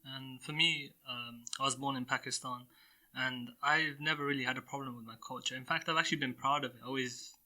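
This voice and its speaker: A man's voice: medium pitch, steady tone, brisk, pushed and bright, poor audio. A teenage male student speaking earnestly in a school podcast discussion. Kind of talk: casual discussion.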